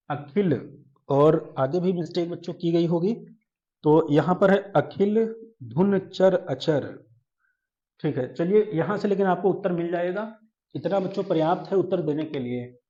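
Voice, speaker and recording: High-voiced teacher in an echoey room. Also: male voice, a little mellow. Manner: addresses students as "children", quizzes them, chants verse slowly. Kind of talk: exam-prep lesson. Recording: echoey room, dull lo-fi sound.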